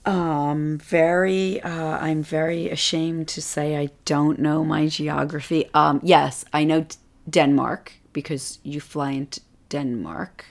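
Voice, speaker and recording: A middle-aged woman, a guest on her daughter's podcast, speaking earnestly and hesitantly with halting restarts. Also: deep voice, steady tone, creaky. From United States. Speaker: guest, the host's mother. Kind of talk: casual chat.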